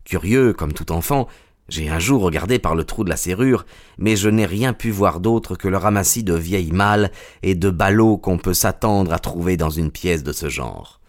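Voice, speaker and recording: Male audiobook narrator, lower voice, measured dramatic first-person storytelling.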